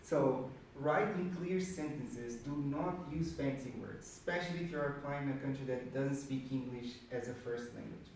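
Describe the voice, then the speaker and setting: Here a man from Brazil, a native Portuguese speaker with a Brazilian accent, delivers a loose, conversational presentation at a career networking meetup, leaning on repeated words for emphasis. His voice is mid-pitched and slightly mellow, at an ordinary pace with barely any pauses. The audio, recorded in an indoor meetup room with listeners, is very reverberant, distantly miked and faintly noisy.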